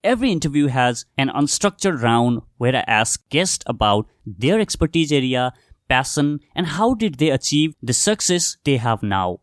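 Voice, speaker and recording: In a clean studio recording with no room sound, a young podcast host from Nepal delivers an earnest scripted monologue. His mid-range voice is very animated at a normal pace, and he talks directly to his audience as "guys."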